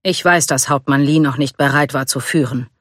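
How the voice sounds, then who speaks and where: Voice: medium pitch, moderate pace, fairly bright tone, no echo, lightly acted. Stern grumpy old officer guy, snaps orders, dry close sound, reader doing the voice. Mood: cold. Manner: scolding, curt. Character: stern disapproving older male drill officer. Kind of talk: storybook read-aloud.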